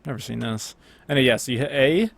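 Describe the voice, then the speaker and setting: A young man giving casual commentary over his own gameplay footage, chatty and relaxed, with many fillers and self-corrections. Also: medium pitch, quick pace, gravelly.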